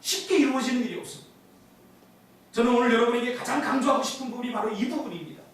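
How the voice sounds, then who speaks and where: A man's voice: extremely high pitch, fast talker. A male pastor preaching a sermon in a church sanctuary, with emphatic delivery, acting out the voices he quotes. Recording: echoey hall from far off.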